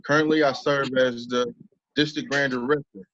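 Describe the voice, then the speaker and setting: A man's voice: mid-range voice, steady tone, moderate pace, fairly bright tone. A man at his workplace giving a brief, formal introduction with his lodge titles. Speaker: lodge officer introducing himself. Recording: muffled lo-fi call audio.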